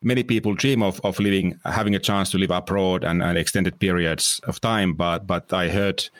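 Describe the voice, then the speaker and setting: A man hosting a podcast, asking his guests questions in a friendly, halting way. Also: low-pitched, steady tone, no echo. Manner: friendly, hesitant, stuttering restarts. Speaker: podcast host. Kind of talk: interviewing guests.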